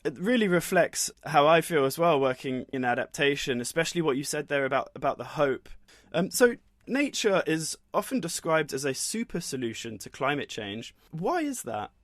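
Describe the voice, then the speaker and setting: A man's voice: a little high, big pitch swings, normal speed, fairly bright tone, no room sound, clean studio sound. A man co-hosting a podcast, asking curious conversational questions. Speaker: podcast co-host. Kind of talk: podcast interview.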